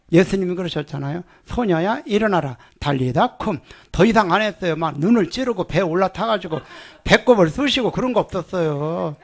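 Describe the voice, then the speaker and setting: High-voiced emphatic older Korean preacher. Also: male voice. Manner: emphatic, calls on the congregation to repeat. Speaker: seminary dean preaching. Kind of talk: sermon.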